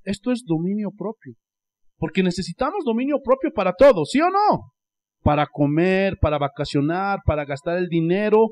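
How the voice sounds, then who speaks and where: A male pastor with a Bolivian Spanish accent preaching a sermon, swinging between loud exclamations and hushed asides and repeating "Gloria a Dios" as a refrain. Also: high voice, lively intonation, normal speed.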